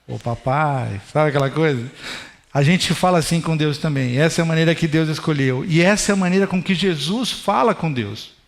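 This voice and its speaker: A pastor in his thirties preaches in a high, light voice. He talks to the congregation as if chatting with them, asking them questions along the way. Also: a little fast, hardly any pauses. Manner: conversational preaching, addresses the congregation directly. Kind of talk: sermon.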